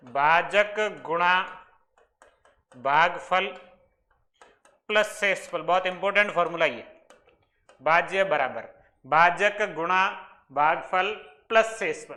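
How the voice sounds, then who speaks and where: Bright high-voiced man teaching maths. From Rajasthan, India. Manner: explains step by step, asks and answers his own questions. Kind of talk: exam-prep maths lesson.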